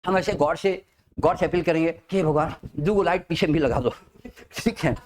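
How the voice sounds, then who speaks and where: A high-pitched man lectures a class in spoken English, dragging out key phrases for emphasis and pausing to check that everyone follows. A faint hiss sits under his voice.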